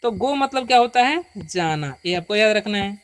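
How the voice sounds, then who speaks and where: A patient teacher giving a beginner reading lesson. The teacher reads English words slowly, one at a time, for the listener to repeat, and keeps checking that the listener follows. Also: medium pitch, animated, no room sound.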